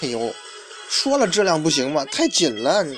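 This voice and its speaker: A man's voice: a little high, big pitch swings, moderate pace, fairly bright tone, faint music behind. A man voicing a cocky teenage male basketball player who teases a shopkeeper with a smug grin, in a storytelling retelling. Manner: teasing, smug.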